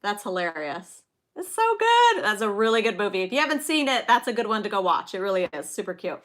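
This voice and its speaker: Middle-aged woman chatting on a live stream, bright voice, swoops up and down a lot, gets excited. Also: mid-range voice, fast talker. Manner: chatty, enthusiastic, cheers on viewers by name. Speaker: livestream host. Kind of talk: casual live chat, reading movie quotes.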